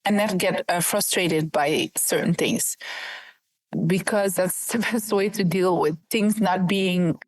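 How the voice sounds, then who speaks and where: A woman's voice: lowish voice, steady tone, takes it slowly, poor audio. Direct, earnest woman investor. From Ethiopia, raised in the Netherlands. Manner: direct, earnest, explains with rhetorical questions. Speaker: investor and entrepreneur guest. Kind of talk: podcast interview answers.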